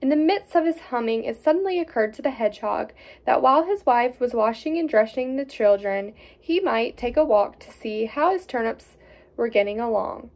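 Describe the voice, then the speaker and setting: A woman reading a fairy tale aloud in an expressive storytelling way, with small slips. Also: on the high side, normal speed.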